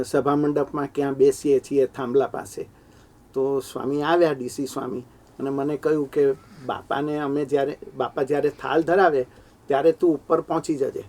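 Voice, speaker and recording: A middle-aged devotee shares a personal memory with heartfelt earnestness, his medium-pitched, mellow voice rising whenever he is moved.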